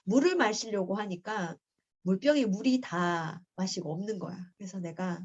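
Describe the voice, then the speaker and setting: A woman's voice: medium pitch, animated, normal speed, a little mellow, highs cut off. A middle-aged woman tells a personal story in a book club, acting out quoted lines with a raised voice. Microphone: video call.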